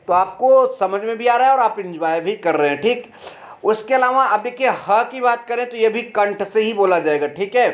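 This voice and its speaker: A man teaching an online grammar lesson. He explains step by step, asks his own questions and answers them, and sounds out letters slowly and clearly. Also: high-pitched, expressive.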